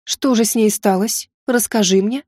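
A woman reading an audiobook voices a curious noble lady who speaks in a smooth, condescending, softly amused way. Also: mid-range voice, normal speed, no room sound, clean studio sound, lightly acted.

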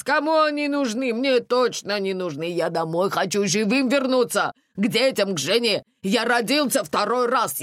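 Woman playing middle-aged bus driver man, blunt, familiar, lively, storybook role. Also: fairly high pitch, no echo, studio quality, pitched above the performer's own voice. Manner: blunt, familiar, broken phrasing.

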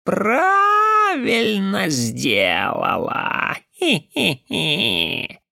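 A man voicing an excitable, simple-minded young village lad who shrieks and repeats his words like a cawing crow. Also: very slow, vocal fry, no room sound, clean studio sound, heavily acted. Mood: croaking. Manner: shrill crowing shouts, repeats words.

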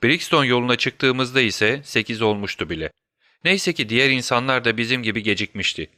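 A man reads a detective story as an audiobook, narrating from a script in a measured, even way. His voice is medium-pitched, and the studio-quality recording has no room sound.

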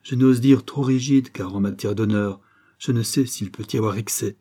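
A man voicing a gentle, tearful elderly noblewoman and grandmother in an audiobook, speaking with soft, earnest pleading. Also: fairly low pitch, normal speed, natural voice.

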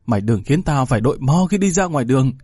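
A man's voice: fairly high pitch, lively intonation, normal speed, mellow, husky, no room sound, studio quality, voice pushed up. A man voicing an enraged middle-aged mother who scolds her daughter harshly, in a read-aloud story. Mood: furious. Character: furious shouting middle-aged village mother.

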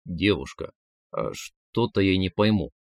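A man's voice: low-pitched, lively intonation, a little slow, no echo, clean studio sound, voice pushed down. Chizhikov, a brash gullible young man, read by a man. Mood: puzzled. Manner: blurting, indignant when flustered. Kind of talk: audiobook character voicing.

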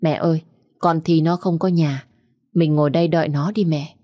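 A woman voicing a fiery young woman who scolds and mocks in quick bursts. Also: low voice, steady tone, warm tone, no room sound, clean studio sound. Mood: angry. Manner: scornful, rapid scolding. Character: sharp-tongued young woman, fiery and mocking.

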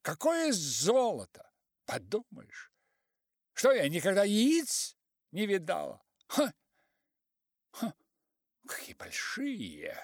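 Guy putting on a loud mocking country woman, high pitched, storybook reading. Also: huge pitch swings, takes it slowly, pauses often, no room sound, studio quality, exaggerated voice. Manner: brash and mocking. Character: mocking middle-aged peasant woman, brash.

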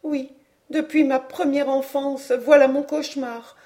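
Despairing storybook mother, higher and louder, anxious and tremulous, woman reading. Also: big pitch swings, moderate pace. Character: frightened middle-aged mother, despairing.

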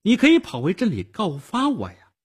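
A man's voice: sits high, huge pitch swings, fairly quick, husky, voice pushed up, full character voice. Man voicing a wary young fugitive. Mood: suspicious. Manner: suspicious, grudging. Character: wary young male fugitive, suspicious and gruff.

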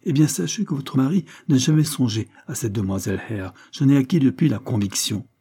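A man's voice: medium pitch, animated, fairly quick, husky, pitched above the performer's own voice. A man voicing a callous aristocratic seducer, speaking in a sneering, offhand way. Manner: sneering, offhand delivery, raised and loud.

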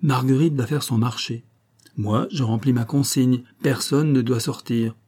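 A man voicing a calm, firm policeman standing guard. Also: mid-range voice, measured pace, breathy edge.

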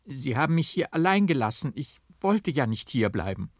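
A man's voice: mid-range voice, big pitch swings, normal speed, no room sound, studio quality, pitched above the performer's own voice. A man doing a tearful little girl. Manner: stammering, tearful. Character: tearful small girl, three or four.

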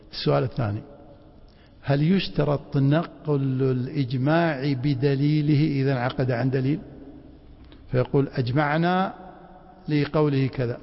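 A male Islamic law teacher with a fairly high, gravelly voice raised in volume quizzes his class with rhetorical prompts during a lecture at a mosque study circle. The lo-fi recording is dull and carries a long echo from the reverberant hall.

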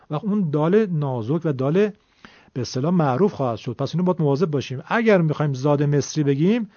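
A middle-aged man teaching Quran recitation, explaining patiently and demonstrating sounds slowly. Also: on the high side, warm tone, dry recording. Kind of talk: explanatory lesson. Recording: dull lo-fi recording.

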